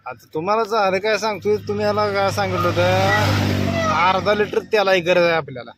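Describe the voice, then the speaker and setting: High-pitched rural Marathi man over the phone. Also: normal speed. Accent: rural western Maharashtra Marathi. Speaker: prank caller. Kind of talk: prank phone call, casual Marathi chat. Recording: noisy phone call with vehicle sounds.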